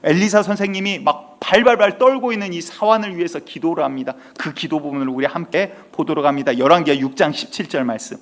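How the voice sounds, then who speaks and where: A man's voice: on the high side, quick pace, few pauses. A male senior pastor preaching a Sunday sermon with emphatic storytelling and rising outbursts. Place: church sanctuary.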